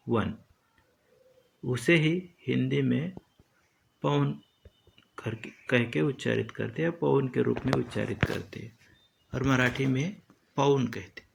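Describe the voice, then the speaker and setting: Slow, gravelly man teaching. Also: medium pitch, background noise. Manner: slow, deliberate, repeats each term. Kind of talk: slow explanatory lesson.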